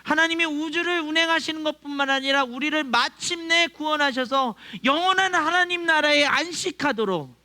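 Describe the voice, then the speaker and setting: A man's voice: extremely high pitch, normal speed, few pauses, pushed and bright. A male pastor preaching a sermon to his congregation, acting out quoted voices and chuckling often. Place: church.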